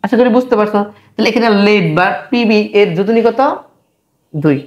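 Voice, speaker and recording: A man's voice: high-pitched, brisk, dull audio. A man teaching chemistry, patiently repeating key terms and stopping to check that students follow. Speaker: chemistry tutor. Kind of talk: classroom lecture.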